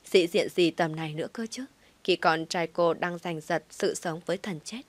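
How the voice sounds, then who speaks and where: A woman tells a family drama story in an emotive, dramatic way. Her voice sits on the low side, recorded close and dry with no room sound. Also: moderate pace, no room sound. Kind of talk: scripted audio-story narration.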